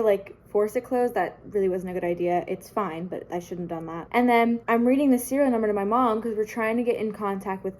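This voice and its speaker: A woman's voice: mid-range voice, a little mellow. A young woman vlogging, filming herself on her phone as a phone video, rambling and venting that she is upset. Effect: recorded as a phone video. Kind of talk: casual vlog talk to camera. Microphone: phone camera.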